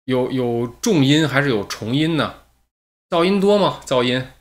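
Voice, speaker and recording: A man's voice: medium pitch, lively intonation, measured pace. A man hosting a casual livestream. He chats to viewers about his mic and then reads a listener's letter aloud. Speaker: livestream host. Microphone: streaming mic with a noise gate.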